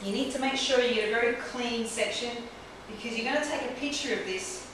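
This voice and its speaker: Speaking fairly quickly in a slightly high voice, a woman in her forties who works as a trichologist walks through a technique on a client in a small clinic room. The distant camera mic adds roomy echo and clear background hiss.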